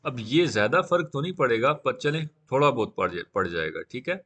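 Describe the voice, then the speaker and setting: Guy teaching a 3d class live, chatty and relaxed, says okay a lot between steps. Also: medium pitch, brisk. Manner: casual, repeats "theek hai" often. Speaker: 3D software instructor.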